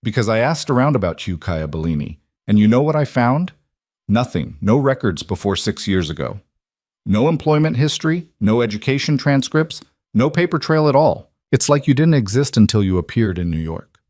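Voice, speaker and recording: A man's voice: mid-range voice, sing-song, moderate pace, a little mellow, no echo, studio quality. A man voicing a suspicious young society woman who probes and threatens coldly. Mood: accusing. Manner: probing, cold, menacing.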